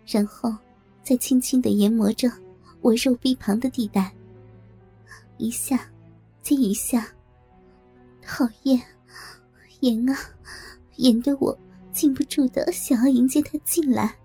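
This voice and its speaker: A woman tells a first-person story in a slightly high, mellow voice with a breathy haze. She sounds trembling and pleading, and soft music plays faintly underneath. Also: fairly even intonation, takes it slowly, long pauses. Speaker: narrator.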